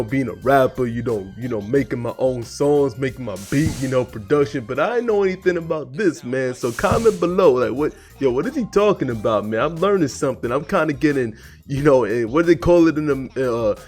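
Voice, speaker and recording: Husky laid-back man riffing in slang over a clip, soft music under him. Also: medium pitch. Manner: laid-back, slangy, rambling, laughs often. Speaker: cartoon reaction host. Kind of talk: casual slangy reaction commentary.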